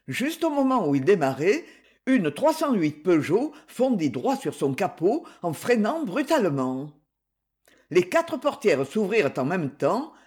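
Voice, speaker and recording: Audiobook narrator, reads steady but pitch moves a lot. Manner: steady, expressive reading. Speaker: audiobook reader.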